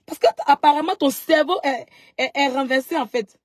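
A woman's voice: sits high, normal speed, dry recording, clean studio sound. A woman vlogger answering followers in a live stream, confrontational and mocking, repeating herself as she talks straight into her phone.

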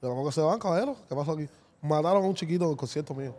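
Man, animated storyteller, rapid-fire talk, voice sits a bit high. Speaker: musician guest. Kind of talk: casual podcast chat, storytelling.

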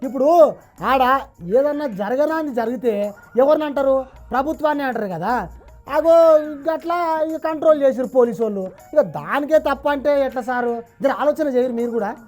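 Telangana lady teasing her guest on a comedy show, dialect-heavy banter, voice a bit high, faint music under. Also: moderate pace, darkish tone. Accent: Telangana Telugu. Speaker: comic interviewer host. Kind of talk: comic satirical interview.

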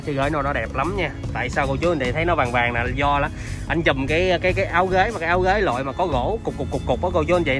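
A man with a southern Vietnamese accent giving an off-the-cuff used car sales pitch in slick, repetitive salesman patter while showing a car outdoors. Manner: slick salesman patter, repeating and pointing things out.

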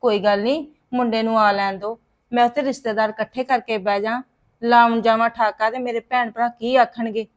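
A woman acting an indignant mother in a family drama. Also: a little high. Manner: indignant, protesting. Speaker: actor in a family skit. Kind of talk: scripted Punjabi family drama.

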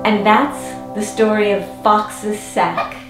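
A woman telling a folktale in an animated, expressive way, now and then slipping into song. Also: mid-range voice, slow, over loud music. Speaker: storyteller. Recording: roomy with faint autoharp.

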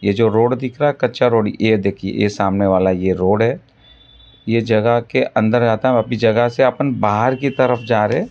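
A man selling farmland in a voice-over, repeating his selling points in a pitchy salesman's patter. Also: fairly even intonation, moderate pace, darkish tone, highs cut off. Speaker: land broker. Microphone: voice-over over drone footage.

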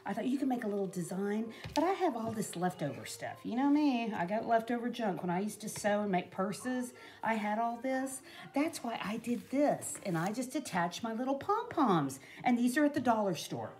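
Speaking at a moderate pace in a slightly mellow, higher voice, this animated middle-aged woman shows off a craft project. She's a vlogger at a craft table indoors at home, chatting loosely and leaning on "you know" often.

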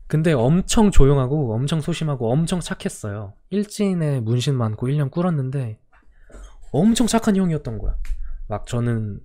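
A young man in his twenties, a streamer telling stories in a casual radio-style chat, acting out quotes, his voice gone hoarse. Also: medium pitch, sing-song, normal speed. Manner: storytelling, acting out quotes with swings in loudness.

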